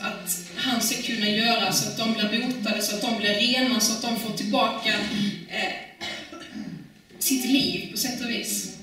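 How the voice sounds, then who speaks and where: A woman's voice: on the high side, fairly bright tone, heavy reverb, far from the mic, low-quality recording. A woman preaching a sermon in a church, talking in a conversational way with many fillers and restarts.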